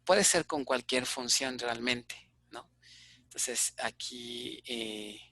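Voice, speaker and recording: A man's voice: mid-range voice, slow pace, pushed and bright, no room sound. A man with a Mexican Spanish accent teaching an online database class, explaining step by step and checking in with frequent "ok?" fillers.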